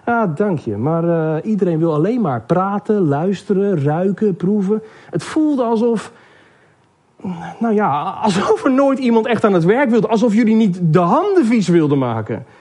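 A man voicing a male hand, a churchgoer who is slow with his words and stammers as he explains why he is leaving. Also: high voice, sing-song, a little mellow, pitched above the performer's own voice. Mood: apologetic.

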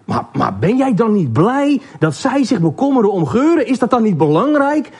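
A man's voice: on the high side, sing-song, a little fast, darkish tone, husky. A man voicing Neus, a sympathetic nose. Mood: surprised. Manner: sympathetic, questioning. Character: sympathetic male nose, a church leader.

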